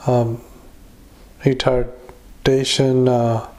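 A male clinician dictating clinical notes into a dictaphone recorder, halting with many filler sounds. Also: mid-range voice, little pitch movement, darkish tone. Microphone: handheld dictation recorder.

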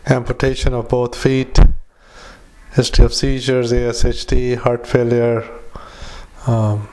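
Man, average pitch, monotone, doctor's dictation, hesitant, halting phrases, matter-of-fact. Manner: halting, hesitant, with frequent long pauses. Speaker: doctor dictating a psychiatric evaluation. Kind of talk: medical dictation with spoken formatting cues.

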